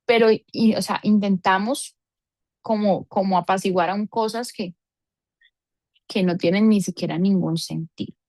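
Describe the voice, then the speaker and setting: A woman's voice: mid-range voice, fairly even intonation, a little slow, a little mellow, no echo. Woman teaching a family seminar. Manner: explanatory, with everyday examples and diminutives. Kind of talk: parenting seminar lecture.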